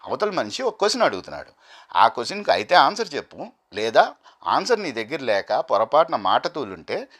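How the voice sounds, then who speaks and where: Animated man reviewing a reality show. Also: mid-range voice, fairly quick. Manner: animated, argumentative, quotes contestants in acted bursts. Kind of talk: commentary.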